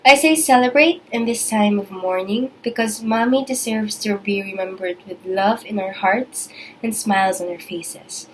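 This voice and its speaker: A young adult woman delivering a prepared eulogy in a tender, earnest, measured way, speaking as a daughter. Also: medium pitch, a little hiss or hum, poor audio.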